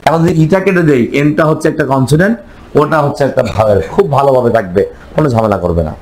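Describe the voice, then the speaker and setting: A man's voice: medium pitch, racing, a little mellow, a little hiss or hum, poor audio. A man teaching a chemistry class, lecturing and firing repeated questions at his students.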